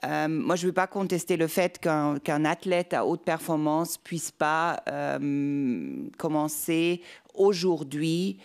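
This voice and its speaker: Woman, deep register, slow pace, hesitant panel talk, repeated words. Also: gravelly, a little mellow. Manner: deliberate, hesitant, repeats words while formulating. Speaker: panel speaker. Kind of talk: unscripted round-table discussion.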